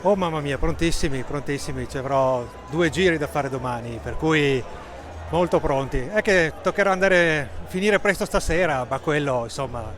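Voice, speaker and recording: A man's voice: a little high, moderate pace, a bit bright, soft background music. Cheerful man in a street interview. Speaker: member of the alpine troops association.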